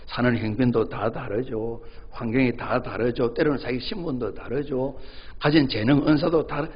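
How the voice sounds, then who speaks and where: A man's voice: medium pitch, husky. A male pastor preaching a sermon in a conversational way, often asking his congregation questions and acting out family dialogue while telling a joke. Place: church sanctuary. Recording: dull, reverberant church recording.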